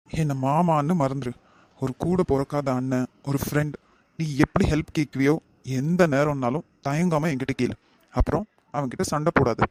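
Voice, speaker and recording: A man voicing a caring, lecturing uncle in an animated family drama, with a Kanyakumari Tamil accent. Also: fairly high pitch, dry recording, natural voice. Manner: lecturing, earnest. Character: caring uncle figure, earnest and protective.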